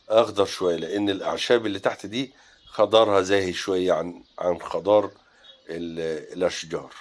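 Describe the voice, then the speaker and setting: A man with a fairly low voice and an Egyptian Arabic accent walks viewers through painting a landscape. He speaks calmly and breaks off with short fillers while he mixes colors. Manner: thinks aloud while mixing paint, with pauses and fillers. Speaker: painting teacher. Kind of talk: relaxed step-by-step painting tutorial.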